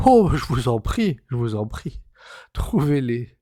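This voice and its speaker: A man's voice: mid-range voice, sing-song, a little slow, darkish tone, no room sound, clean studio sound. A man reading aloud voices an anxious young woman who pleads and stammers on the edge of tears. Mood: pleading.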